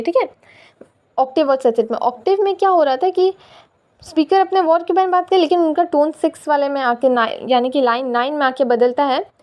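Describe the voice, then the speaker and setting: A woman's voice: high voice, a little mellow. A woman with an Indian accent teaching a poetry lesson, mixing Hindi and English, explaining step by step and checking in with her students often. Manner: explains step by step, often repeating "theek hai"; reads English lines slowly and carefully.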